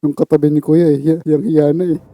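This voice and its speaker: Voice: mid-range voice, flat delivery, fairly quick, dark tone, soft background music. A person with a Filipino accent casually reacting to funny clips as host, trying not to laugh and sometimes chuckling.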